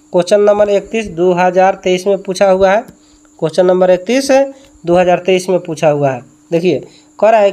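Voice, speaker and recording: A man's voice: sits high, a little mellow. A male tuition teacher going through exam questions, repeating each answer and quizzing with rhetorical questions.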